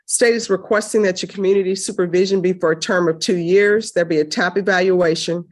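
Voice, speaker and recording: A woman judge running formal courtroom proceedings in a brisk, firm, stern manner, heard in a courtroom recording. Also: lowish voice, fairly even intonation.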